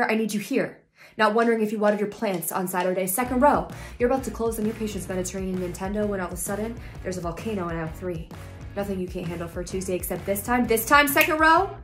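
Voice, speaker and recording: Woman in melodramatic doctor parody. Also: medium pitch. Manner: rapid melodramatic delivery, shifting between shouting and hushed tones. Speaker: sketch comedian playing every doctor. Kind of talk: comedic parody acting.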